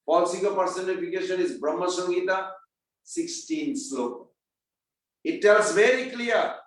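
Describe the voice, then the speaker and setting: His voice sits high and moves at a moderate pace as he gives a scripture class. The speaker keeps it casual, tests his listeners with questions and chants verses. Sound comes from a distant mic in an echoey room.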